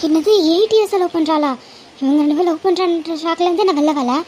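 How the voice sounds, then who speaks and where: Lady voicing a shouty cartoon mom, high voice, scolding her daughter hard. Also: quick pace, over music. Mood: shocked, irritated. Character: stern angry mother scolding her daughter. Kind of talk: homemade animated cartoon dialogue.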